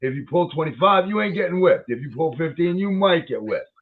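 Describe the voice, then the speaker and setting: A man's voice: on the high side, lively intonation, a little fast. Ranting man on a tinny line. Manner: heated, swears a lot, repeats himself. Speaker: commentator reacting to a video. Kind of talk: profane ranting commentary.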